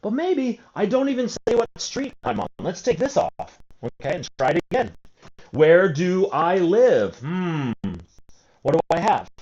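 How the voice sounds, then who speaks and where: Teaching English grammar, a man in his forties asks and answers his own questions and stretches out important words. He has a high-pitched, darkish voice with big pitch swings and an unhurried delivery, on a dull lo-fi recording.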